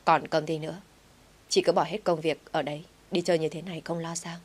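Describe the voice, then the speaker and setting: A woman's voice: deep voice, flat delivery, a little fast, breathy edge. Woman doing a tired polite young man. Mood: weary. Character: weary, patient young man, polite to elders.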